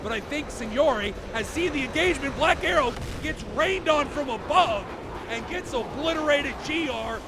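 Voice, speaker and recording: High, gravelly male play-by-play caster. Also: moderate pace, background noise. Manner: excitable, yells at big moments. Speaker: shoutcaster. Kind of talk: live play-by-play commentary. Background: music.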